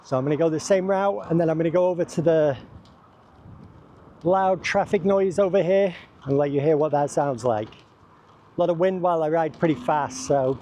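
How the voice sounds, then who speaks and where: A man's voice: fairly high pitch, moderate pace. A man talking casually while riding outdoors near a busy road, recorded on a wireless lav mic with noise reduction processing on, speaking up over the wind. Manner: talks loudly over wind, tries not to shout. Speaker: gear reviewer.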